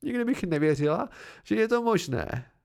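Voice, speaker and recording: A man's voice: big pitch swings, vocal fry, a little mellow, exaggerated voice. Man putting on a teasing warrior woman. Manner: amused and teasing, raised pitch.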